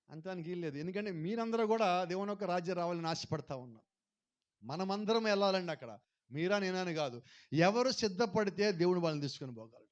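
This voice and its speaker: In a high-pitched voice, a pastor delivers his sermon, mixing in bits of English and calling on the congregation to respond more loudly.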